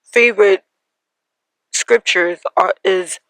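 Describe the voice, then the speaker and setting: A woman in her thirties hosting a podcast, telling a personal story in an emotional, halting way with many fillers and small laughs. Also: mid-range voice, fairly bright tone, dry recording, poor audio. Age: 30s. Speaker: podcast host.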